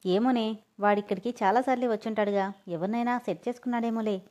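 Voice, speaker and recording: A teasing, easygoing young man, read by a woman storyteller. He talks to his friend in a relaxed, mocking way, and the voice sits fairly high. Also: quick pace, lightly acted.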